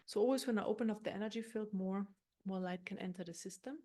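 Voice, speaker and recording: This is a woman at a medium pitch who leads a guided meditation off the cuff. Her manner is calm, slow and explanatory, and she repeatedly circles back over her phrasing.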